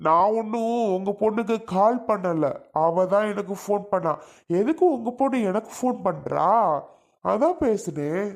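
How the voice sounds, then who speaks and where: A woman's voice: mid-range voice, animated, normal speed, natural voice. A woman voicing an irritated young husband who snaps back defensively in a cartoon serial.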